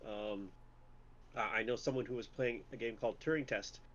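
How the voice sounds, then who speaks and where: Measured man, slightly dull recording. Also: medium pitch, fairly even intonation. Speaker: podcast host. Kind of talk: casual chat.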